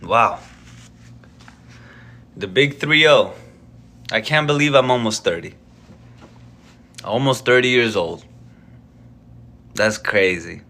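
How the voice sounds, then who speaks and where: A man's voice: mid-range voice, slow, pauses often, sharp tone, slight background noise. A man in his twenties chatting casually to viewers before a live book reading, meandering and self-deprecating, with lots of fillers and restarts. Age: 20s. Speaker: live-stream book reader. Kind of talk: casual rambling chat to viewers.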